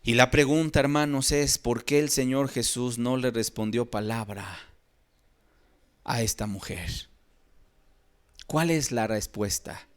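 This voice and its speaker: Pastor, male, slow deliberate delivery with dramatic emphatic rises, church Bible study sermon. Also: medium pitch. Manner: preaching with emphatic slow rises, rhetorical questions to the congregation.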